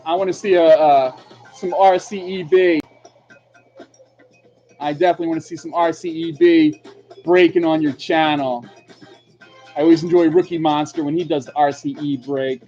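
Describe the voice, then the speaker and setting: A man's voice: fairly high pitch, steady tone, moderate pace, long pauses, dark tone. A man hosting a livestream trivia show, chatting casually, laughing often and reading out viewers' comments. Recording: dull lo-fi stream audio with faint music.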